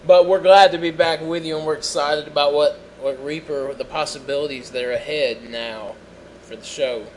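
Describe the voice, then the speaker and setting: A man's voice: a little high, fairly even intonation, normal speed, a little hiss or hum, low-quality recording. A young man co-hosting a casual podcast, rambling and joking with filler words while he has the hiccups. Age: young adult. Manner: rambling, self-interrupting, jokey. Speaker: podcast co-host.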